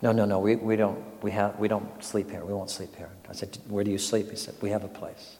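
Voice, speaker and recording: An older man gives a sermon in a reflective, storytelling way and keeps turning to questions. His voice sits low and mellow, and it echoes through a large hall. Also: level tone, fairly quick. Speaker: pastor.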